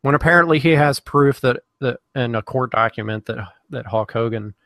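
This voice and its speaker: A man hosting a live podcast in casual chat, halting with many fillers and restarts. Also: mid-range voice, creaky, fairly bright tone, no room sound. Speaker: podcast host.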